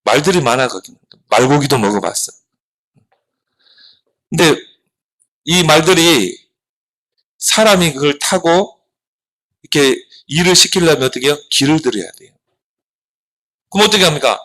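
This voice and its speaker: A middle-aged man preaching a children's sermon, animated, asking the children questions and answering them himself. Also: on the high side, normal speed, pauses often, rough recording. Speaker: pastor.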